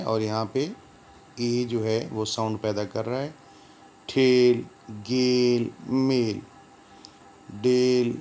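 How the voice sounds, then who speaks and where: An older man teaches a recorded English lesson with an even voice of middling pitch. He draws out each word on his lists slowly, then patiently explains the sounds between them. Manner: slow, drawn-out reading of word lists.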